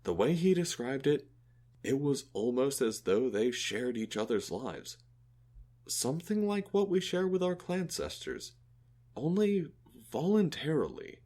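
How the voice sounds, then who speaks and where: A man's voice: medium pitch, unhurried. A man voicing a thoughtful male alien who befriended a human, explaining things earnestly in an audio drama. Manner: earnest, explanatory, lively intonation.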